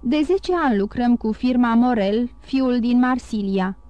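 A woman's voice: on the high side, no echo, lo-fi sound, lightly acted. A woman voicing a formal, businesslike male bank agent in his thirties in an audiobook. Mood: concerned.

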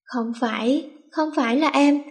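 A woman's voice: sits high, a little slow, a little mellow. A woman voicing an older schoolgirl bully who fakes concern and then pleads. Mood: pleading. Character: senior schoolgirl bully, falsely sweet.

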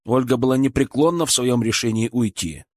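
A man narrating an audiobook calmly and evenly. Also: mid-range voice, fairly quick, no echo, studio quality. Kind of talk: scripted narration.

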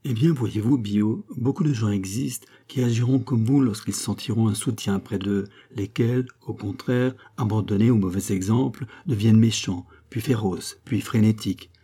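A man voicing a calm, lecturing male doctor in an audiobook, with rhetorical, insistent phrasing. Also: fairly low pitch, moderate pace, few pauses, slightly rough. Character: male doctor, calm persuasive political thinker. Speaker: character in an audiobook.

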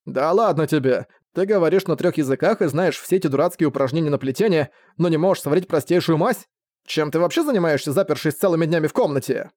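A man's voice: on the high side, lively intonation, quick pace, a little mellow, dry recording, natural voice. A pushy young man pleads and wheedles in a whiny, raised voice, as a male storyteller puts him on. He sounds like an audiobook character, read in a dry, close setting. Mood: wheedling.

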